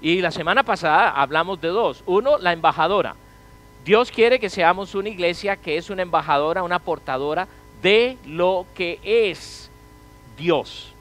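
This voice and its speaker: A man preaching a sermon as pastor, asking the congregation rhetorical questions and swinging from loud to quiet. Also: high-pitched, normal speed, poor audio.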